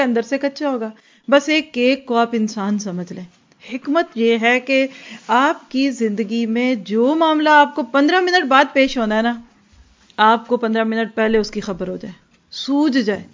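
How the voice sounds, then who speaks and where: A woman giving an earnest religious lecture, acting out little scenes between mothers and children. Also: a little high. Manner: earnest, acts out mothers and children in quoted asides. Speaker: religious teacher. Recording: dull lo-fi recording.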